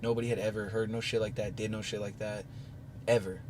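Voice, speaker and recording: A man's voice: lowish voice, flat delivery, fast talker, background noise. A man chatting casually and emphatically as a podcast guest, swearing often and calling people bro. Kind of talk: casual chat.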